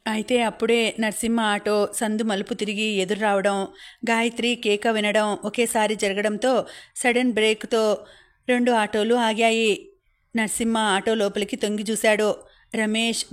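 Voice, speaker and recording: A woman narrating an audiobook novel in a steady, even storytelling manner. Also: medium pitch, moderate pace.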